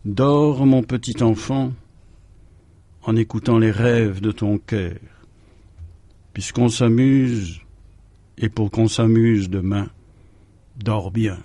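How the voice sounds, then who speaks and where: A man reading out the gentle answers of a mother to her child, in a poem. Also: on the low side, takes it slowly, long pauses, no room sound. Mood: tender. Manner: soft, reassuring.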